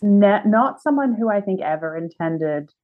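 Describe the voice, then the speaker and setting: A woman's voice: mid-range voice, moderate pace, narrow, tinny audio. A woman guest on a podcast telling a gossipy story, quoting the people in it and laughing as she goes. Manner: animated gossipy storyteller who quotes people. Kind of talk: casual storytelling chat.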